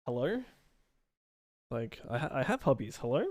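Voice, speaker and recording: A young man streaming live, answering chat messages as he draws, in a loose, rambling way. His voice sits at an ordinary middle pitch. The sound is close and dry, with no room echo. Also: sing-song, moderate pace.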